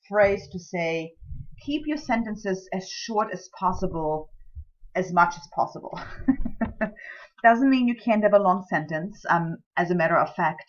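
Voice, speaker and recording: A German-native woman who teaches scientific writing gives a chatty recorded lecture, peppered with ums and self-deprecating asides. Her voice sits low, and the audio is dull.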